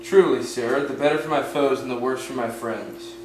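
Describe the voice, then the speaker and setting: A man's voice: mid-range voice, steady tone, normal speed, lightly acted. A young man playing a witty, mocking jester in an amateur Shakespeare performance, with playful, punning delivery. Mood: teasing. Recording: echoey room, far from mic, noisy.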